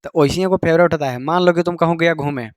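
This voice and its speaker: A man's voice: fairly high pitch, fast, no room sound, clean studio sound. A man with a Bihari Hindi accent teaching a class in a casual, chatty way, often quizzing his students. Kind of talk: classroom lecture.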